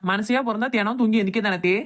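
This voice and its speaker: A woman voicing a sharp-tongued young daughter-in-law in a cartoon, with a Thoothukudi Tamil accent, firing back quick retorts. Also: medium pitch, lightly acted. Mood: defiant. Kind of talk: cartoon voice acting.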